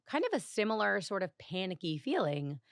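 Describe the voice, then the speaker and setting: A woman's voice: mid-range voice, big pitch swings, a little fast, gravelly, dry recording, clean studio sound. A woman hosting her own podcast, telling a personal story in a chatty, confessional way, often saying "like" and laughing lightly. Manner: chatty and confessional, heavy use of "like", frequent small laughs. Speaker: podcast host. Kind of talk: casual solo podcast storytelling.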